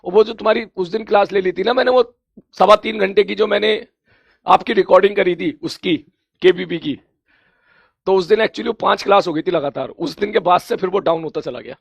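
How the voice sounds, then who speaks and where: A man with a hoarse, gravelly voice that sits high, chatting with students before class. He repeats his greetings and laughs easily. The sound is close and dry. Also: brisk, no echo. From India. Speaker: teacher. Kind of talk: casual chat before an online class.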